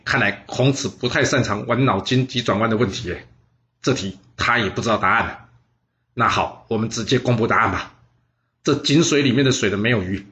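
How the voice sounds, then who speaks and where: A man's voice: medium pitch, fairly bright tone, highs cut off. A man telling history stories for an audiobook, chatty and playful, often asking listeners questions. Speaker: storyteller.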